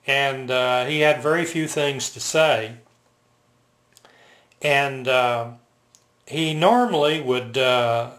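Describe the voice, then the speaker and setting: An older man telling personal stories casually, in a halting, reflective, unscripted way. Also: a little high, a bit bright. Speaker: military veteran reminiscing. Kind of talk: casual personal storytelling to camera. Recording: roomy, echoing home recording.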